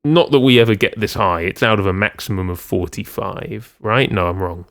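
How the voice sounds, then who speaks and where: A man's voice: lowish voice, moderate pace, creaky, a bit bright, no room sound, studio quality. A man co-hosting a casual music podcast, rambling with many ums and restarts. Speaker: podcast co-host.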